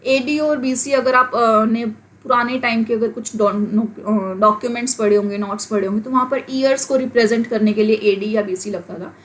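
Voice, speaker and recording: A woman with an Indian accent teaching an English class, explaining in Hindi mixed with English and reading the English example sentences out slowly. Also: fairly high pitch, steady tone. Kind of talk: classroom lecture.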